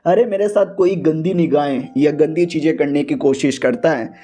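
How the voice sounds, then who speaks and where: A man voicing a fierce young woman who is quick to anger, with shrill, indignant scolding. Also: dark tone, faint music behind. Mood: angry.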